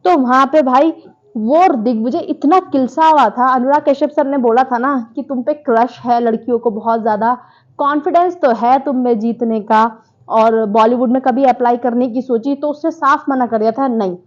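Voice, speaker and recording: A woman talks through a reality show episode in casual commentary, slipping into the quoted lines as she tells them. Her voice sits a bit high. The recording sounds dull and lo-fi. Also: normal speed. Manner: animated retelling, acts out quoted lines.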